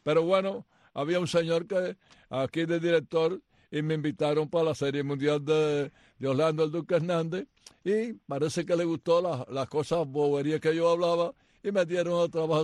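A man's voice: fairly high pitch, fairly quick, darkish tone, no room sound. An older man co-hosting a sports radio show, telling rambling anecdotes in casual banter from the studio. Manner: chatty storyteller, rambling anecdotes.

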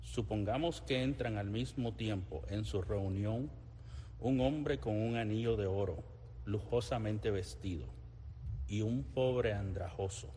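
A man reads scripture as a lector, slowly and solemnly. His voice is fairly low. It echoes through a big church with slight background noise. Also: darkish tone. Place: large reverberant church interior.

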